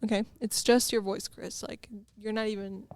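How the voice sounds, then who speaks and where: A woman's voice: mid-range voice, level tone, normal speed, a little mellow. A woman co-hosting a podcast, asking pointed questions and arguing her view. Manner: questioning, argumentative. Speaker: podcast co-host. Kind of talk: casual chat.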